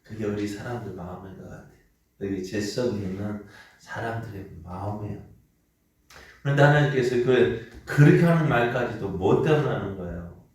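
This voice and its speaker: A man's voice: fairly low pitch, moderate pace. Korean-style church guy preaching at dawn, lots of questions to the room, really echoey and far off. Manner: conversational, asks the congregation questions; acts out quoted parents with shouted lines. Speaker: pastor. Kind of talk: early morning sermon. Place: church sanctuary. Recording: very echoey room, mic at a distance.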